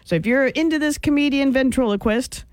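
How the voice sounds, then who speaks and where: A woman's voice: sits high, brisk, no echo. A woman co-hosting a morning radio show, chatty and giggly in casual banter.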